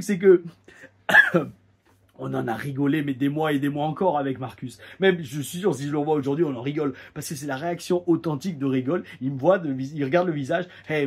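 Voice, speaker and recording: A man and former pro wrestler, chatting casually in an animated storytelling way as he reviews a show, often repeating words as he goes. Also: on the high side, breathy edge. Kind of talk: casual anecdotal monologue.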